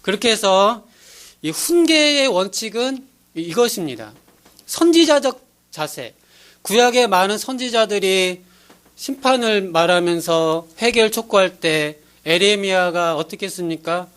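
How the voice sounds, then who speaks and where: A man's voice: high voice, expressive, measured pace, a bit bright. A male pastor preaching a sermon in an earnest, pleading way, acting out little scenes as he goes.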